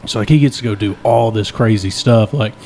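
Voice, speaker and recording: Man, warm low-edged timbre, casual slangy chat, playful podcast co-host. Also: fairly quick. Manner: jokey, slangy.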